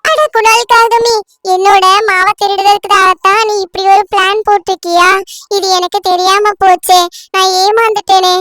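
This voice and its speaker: A woman voicing a trusting young female sparrow in a cartoon, speaking in a high, slow, childlike way. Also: level tone, fairly bright tone. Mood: tearful. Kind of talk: cartoon voice acting.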